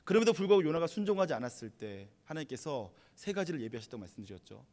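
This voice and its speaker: Male pastor retelling a bible story in his sermon, kinda high voice, chatty. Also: rapid-fire. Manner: conversational storytelling, animated retelling.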